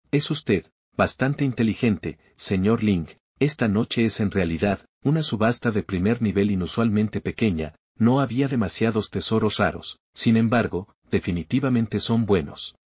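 A man's voice: fairly low pitch, breathy edge, dry recording. Man voicing a fawning old merchant. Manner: flattering, with sly giggles. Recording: slightly dull lo-fi recording.

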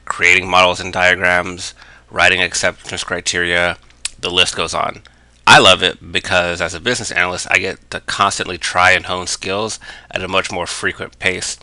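Low, flat-voiced man explaining steadily. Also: normal speed, no echo. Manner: steady, with frequent "um" fillers. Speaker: business analysis educator. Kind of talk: whiteboard explainer narration.

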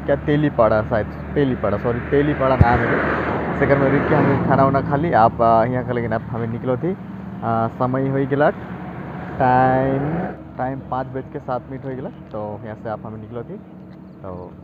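A man's voice: mid-range voice, fairly even intonation, normal speed, lo-fi sound, heavy background noise. A young man from the Dooars with a Sadri accent, chatting casually to his phone camera by the road, with many fillers and restarts. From Dooars, West Bengal. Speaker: vlogger. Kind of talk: casual travel vlog. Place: outdoors by a road. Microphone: phone held at arm's length.

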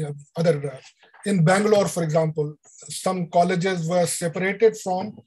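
An older man with an Indian English accent giving an online lecture over a video call, explaining deliberately with frequent fillers. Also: sits high, darkish tone, husky, rough recording. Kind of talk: online lecture on education policy.

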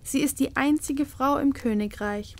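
A woman reading a storybook voices a male magic mirror spirit bound by an oath, speaking slowly and formally. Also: sits high. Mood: solemn. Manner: slow, measured and formal.

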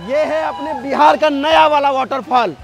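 A man giving lively travel-vlog commentary outdoors on a forest trail by a waterfall, talking straight to viewers and chatting with people he meets. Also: very high voice, moderate pace, vocal fry, very noisy. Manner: lively, addresses viewers directly, chats with passers-by. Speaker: travel vlogger. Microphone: camera filmed by a companion while walking.

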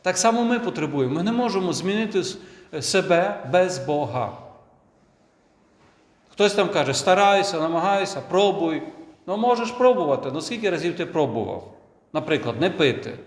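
A man's voice: fairly high pitch, big pitch swings, moderate pace. A man, a priest, giving a conversational sermon full of rhetorical questions. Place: church. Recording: echoey church with long reverb.

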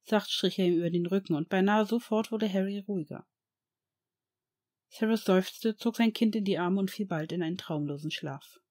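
A reader narrating a fan fiction story in an even storytelling manner. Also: medium pitch, moderate pace.

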